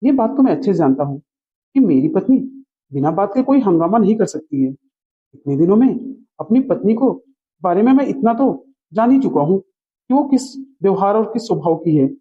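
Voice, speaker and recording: A man playing a calm, fair-minded husband who reasons with his mother in a comedy skit. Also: sits high, normal speed. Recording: muffled lo-fi audio.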